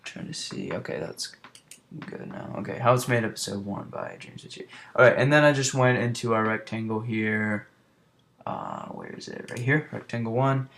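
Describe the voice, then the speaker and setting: Casting: young male tutorial maker, gravelly low voice, rambling and mumbly, with keyboard clicks and faint hiss behind him. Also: very animated, moderate pace, fairly bright tone. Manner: rambling, mutters under breath while working. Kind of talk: casual screen-recorded tutorial.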